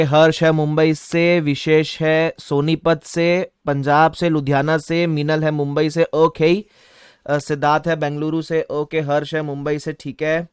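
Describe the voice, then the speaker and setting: A man with a Mumbai accent teaching a live online class, energetic, mixing Hindi and English and reading viewer chat aloud. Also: on the high side, clear, resonant tone, dry recording, studio quality. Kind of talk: live-streamed online lecture.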